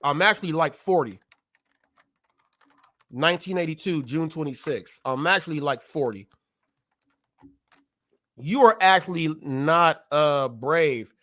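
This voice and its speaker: A man in his forties hosts his own live show, boasting and calling out his critics head-on. He stutters now and then, and his voice sits high while he takes his time with the words. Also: measured pace, long pauses, bright, forceful tone. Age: 40s. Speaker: host. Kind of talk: ranting live-stream commentary.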